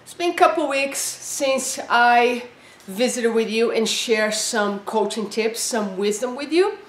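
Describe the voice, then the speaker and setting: A woman's voice: on the high side, a little slow, roomy sound, a little hiss or hum. A woman life coach giving earnest, encouraging advice, asking her listeners one question after another. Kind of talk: coaching talk to camera.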